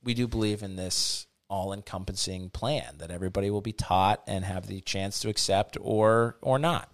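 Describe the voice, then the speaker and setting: A man's voice: fairly low pitch, moderate pace. A man on a podcast chatting casually and explaining his beliefs with easy humor.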